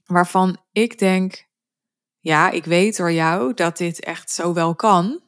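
A woman's voice: lowish voice, takes it slowly, no room sound, clean studio sound. A woman co-hosting a podcast, chatty and inquisitive, retelling what she read. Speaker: podcast co-host. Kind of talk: casual podcast conversation.

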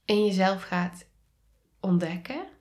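Dutch woman talking slow and calm on her podcast, soft voice that keeps sinking to a whisper, middle pitch. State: sneezing. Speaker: podcast host and coach. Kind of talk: reflective solo podcast talk.

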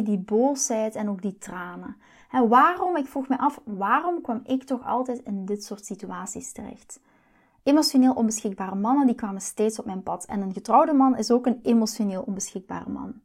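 A woman tells a story from her own life as a podcast host. She speaks earnestly and confidingly, often dropping to a hushed, breathy tone. Her voice sits a little high. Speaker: podcast host and love coach. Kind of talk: personal storytelling monologue.

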